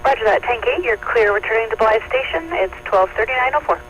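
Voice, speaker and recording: Brisk high-voiced male fire dispatcher over radio. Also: expressive. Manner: brisk, repeats back calls and gives times. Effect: heard over a two-way radio. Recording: muffled radio with faint static.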